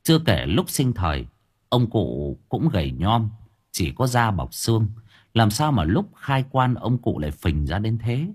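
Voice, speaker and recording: Husky, lively male storyteller. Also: fairly low pitch, a little slow. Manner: wry, colloquial storytelling. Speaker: audiobook narrator. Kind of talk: comic storytelling narration.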